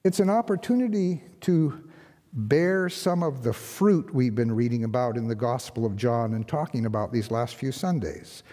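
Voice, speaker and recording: An older man, an interim pastor, preaching a sermon from a lectern with a conversational tone and rhetorical questions. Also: moderate pace. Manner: conversational, rhetorical questions, lively pitch swings. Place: large church sanctuary, behind a lectern. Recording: long hall reverb in church.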